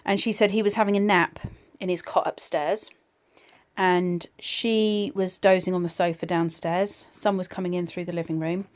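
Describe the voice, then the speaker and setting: A woman's voice: on the low side, steady tone, moderate pace. Woman telling a personal story, hesitant and reflective. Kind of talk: personal ghost story told casually.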